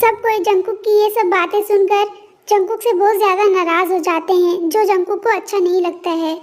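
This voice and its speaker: A woman's voice: very high voice, fairly even intonation, moderate pace, soft background music. A woman narrating a fan-dubbed romance story in a plain storytelling manner.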